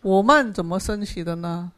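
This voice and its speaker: A Buddhist sutra teacher giving a dharma class, patiently explaining Pali terms, repeating key phrases and filling pauses with drawn-out "ah"s. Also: mid-range voice, fairly bright tone. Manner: patient explaining of Pali terms, asks and answers own questions.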